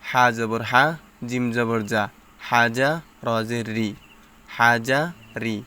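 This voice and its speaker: A man's voice: mid-range voice, flat delivery, slow, pushed and bright, smooth. A man teaching Quran reading. He spells out the letters and vowel marks one by one, then chants the joined syllables. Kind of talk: slow letter-by-letter recitation drill.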